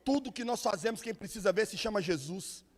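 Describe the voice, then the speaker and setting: A man's voice: high-pitched, brisk. A man, a pastor preaching a sermon, telling stories and acting out the people in them. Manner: lively storytelling, acting out quoted people. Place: church hall. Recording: long reverb of a church hall.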